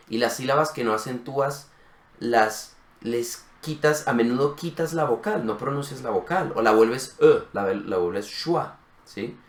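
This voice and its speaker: A man co-hosting a language lesson, explaining step by step in casual conversation and often checking in with a quick question. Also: mid-range voice. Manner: methodical, checks in with frequent "¿sí?". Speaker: co-host of a language channel. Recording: roomy echo.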